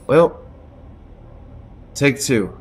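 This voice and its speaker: Broadcasting from a small home room over a headset mic, this thirty-something game streamer is loud, relaxed, quick to mock himself and frequently profane. His mid-range voice is animated and slightly rough, with drawn-out words.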